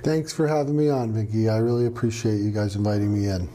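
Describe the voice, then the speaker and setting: A middle-aged man from New Hampshire, a radio professor answering interview questions in a relaxed, storytelling way with some fillers. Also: lowish voice, fast talker, a little hiss or hum. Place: studio with green screen.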